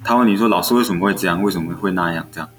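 With a low voice and a very fast pace, a young man in his twenties tells casual stories from his elementary school classroom, voicing each quoted line with animation. His accent is Taiwanese Mandarin, and faint background music can be heard.

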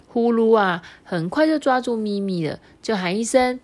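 A young mother with a Taiwanese Mandarin accent reading a picture book aloud to a child, chatty and animated. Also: on the high side, moderate pace. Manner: chatty, animated, explaining asides.

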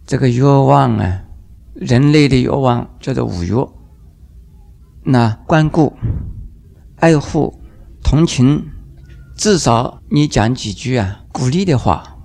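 An older man, a Buddhist master, giving a dharma lecture in an unhurried way, drawing out his phrases and briefly acting out the voices in his examples. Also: mid-range voice, lively intonation, creaky, darkish tone. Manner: unhurried, drawn-out phrases with sentence-final particles, acting out quoted voices.

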